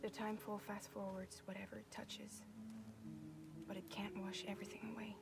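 A woman's voice: mid-range voice, level tone, normal speed, gravelly, over loud music, natural voice. A woman voicing a mysterious game heroine. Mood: hushed.

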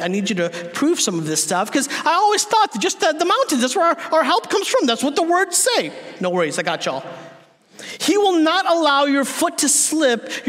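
Male preacher, thirties, very high voice, dramatic swings from loud to hushed, long hall reverb. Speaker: guest preacher. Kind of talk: sermon. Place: large dark church stage.

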